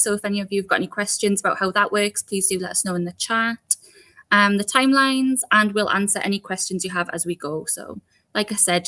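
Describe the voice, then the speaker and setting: A woman's voice: mid-range voice, fairly bright tone. A young woman with a Geordie accent, co-hosting a live online recruitment Q&A in a chatty, friendly way with frequent laughs. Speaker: service support rep and co-host. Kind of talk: live Q&A chat.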